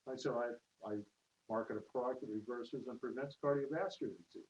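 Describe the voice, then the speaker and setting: A man with a medium-pitched, darkish voice talks a little fast as he rambles through stories for a room at an open house. He's a network marketer giving a casual testimonial, raising his voice to quote others, heard through a hissy, distant, roomy lo-fi livestream.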